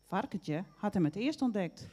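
A woman reading a children's story aloud, unhurried, with the odd small slip. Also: mid-range voice, lively intonation, mellow. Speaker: reader.

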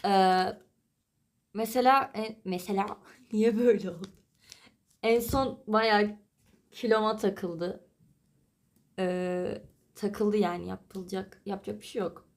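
A young woman vlogging in casual chat, chatty and exasperated, with quick asides. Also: mid-range voice, fairly even intonation.

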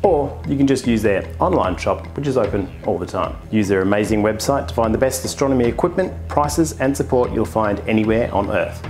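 An Australian man, an astronomer and channel host, doing a comedic sponsor read with a deadpan mock-salesman delivery. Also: lowish voice, fairly quick, few pauses, faint music behind.

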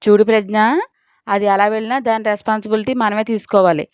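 A woman's voice: medium pitch, level tone, fast talker, clean tone, no echo, lightly acted. A woman playing a blustering scheming male boss. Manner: shouting, melodramatic. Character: scheming blustering middle-aged male manager. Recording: dull lo-fi dry recording.

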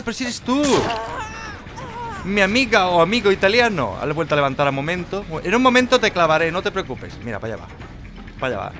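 A man giving live, mocking commentary while playing a horror game, jumping between loud outbursts and low muttering. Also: a little hiss or hum. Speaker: gameplay streamer.

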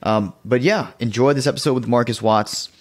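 A man's voice: mid-range voice, moderate pace. A man hosting a podcast, chatting casually and laughing easily with his guest. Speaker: podcast host.

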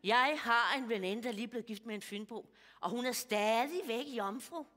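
A woman's voice: fairly high pitch, a bit bright. A woman playing a bawdy, gossipy old lady of about seventy, confiding to a live audience and chuckling at her own jokes. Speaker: comedian. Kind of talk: stand-up character monologue. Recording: stage mic in a hall with audience.

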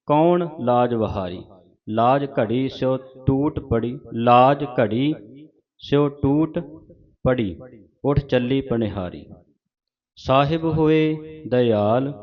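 Slow, measured Punjabi man reciting. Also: mid-range voice. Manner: recites verses line by line, pausing to correct pronunciation. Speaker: scripture recitation teacher. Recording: dull lo-fi recording.

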